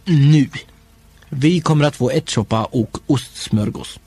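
A man narrating a comic first-person diary storybook in a playful, expressive way. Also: medium pitch. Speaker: audiobook narrator.

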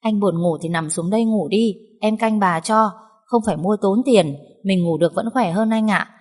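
A woman's voice: mid-range voice, moderate pace, a little mellow, lightly acted. A woman voicing a timid young housemaid who stammers and pleads anxiously. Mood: eager. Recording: long hall reverb.

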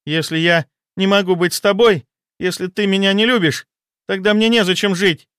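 A man voicing a jealous, desperate female doctor in an audiobook, pleading and shrill. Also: fairly even intonation, moderate pace, fairly bright tone, clear, resonant tone, no room sound, studio quality. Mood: hysterical. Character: jealous, hysterical female doctor, young adult.

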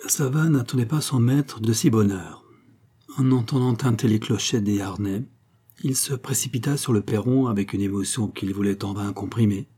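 Guy reading an old novel aloud, low dark husky voice, steady pace. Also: moderate pace. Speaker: audiobook narrator. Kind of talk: scripted narration.

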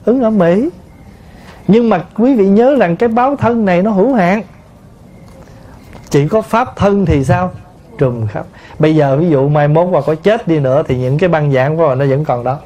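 Middle-aged male Buddhist teacher, high voice, dharma talk, explains through examples and self-posed questions. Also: normal speed, warm tone, dull audio. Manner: explains with examples, asks and answers his own questions.

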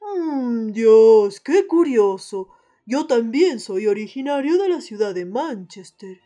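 Mujer haciendo de caballero inglés cortés y vacilante. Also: female voice, on the high side, sing-song, warm tone, soft background music. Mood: polite puzzlement. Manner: formal, hesitant, with pauses. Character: Mr. Martin, a polite hesitant English gentleman. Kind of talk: radio theatre acting.

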